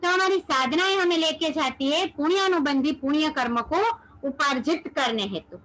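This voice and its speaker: Brief: high-pitched woman, spiritual teacher, rhetorical questions, sprinkles in English words. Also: fairly bright tone, low-quality recording. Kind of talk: devotional teaching session.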